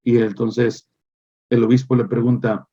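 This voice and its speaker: A male pastor delivering a sermon in an emphatic preaching manner, repeating phrases and pausing with hesitant fillers. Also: mid-range voice, little pitch movement, warm tone, dull audio.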